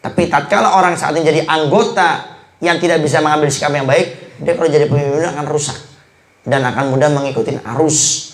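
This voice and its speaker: Animated man preaching a sermon. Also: fairly high pitch, fairly quick. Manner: animated, acts out quoted people in voices. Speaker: Islamic preacher. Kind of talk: sermon to a study circle.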